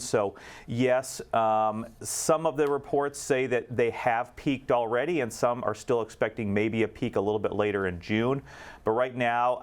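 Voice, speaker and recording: A man working as a hospital medical director, giving measured expert commentary with frequent fillers. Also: lowish voice.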